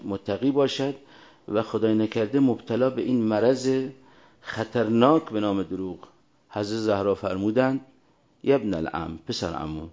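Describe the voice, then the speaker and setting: A man's voice: mid-range voice, darkish tone. A man with an Arabic accent preaching a religious sermon in a didactic way, quoting and then explaining. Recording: dull, lo-fi sound.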